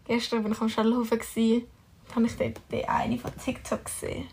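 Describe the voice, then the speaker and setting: A woman's voice: on the high side, monotone, brisk, a little mellow, slightly rough. A young woman with a Swiss German accent in casual chat as a podcast co-host, mixing in English slang. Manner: chatty, mixes in English slang.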